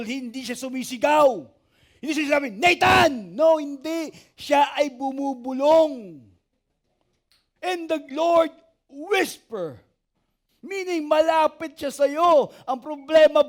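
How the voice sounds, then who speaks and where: A man, a pastor preaching an animated sermon, asking the congregation for amens and joking with them. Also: extremely high pitch. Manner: animated preaching, asks the church for amens and jokes with it.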